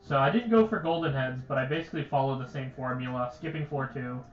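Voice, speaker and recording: A man's voice: mid-range voice, fast, reverberant, lo-fi sound, faint music behind. A young man chatting casually on a game livestream, rambling and stuttering, with lots of "like" fillers. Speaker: game streamer.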